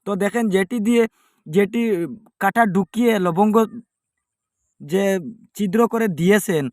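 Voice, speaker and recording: A man giving step-by-step ritual instructions in a halting, repetitive way, recorded indoors without a microphone. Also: sits high, a little mellow, no room sound, studio quality. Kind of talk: step-by-step spoken demonstration. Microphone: no microphone, device's built-in mic.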